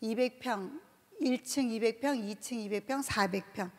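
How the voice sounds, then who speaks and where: A woman, a company president, telling her faith testimony in a lively storytelling way and acting out the voices of others. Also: a little high, moderate pace. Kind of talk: church testimony talk. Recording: reverberant large hall.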